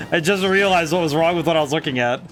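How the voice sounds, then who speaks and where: Young man, game streamer, chatty and giggly, slightly high voice, faint game music behind. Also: a little fast, fairly bright tone. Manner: chatty, giggly, self-correcting with frequent laughs. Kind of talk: casual live-stream commentary while playing.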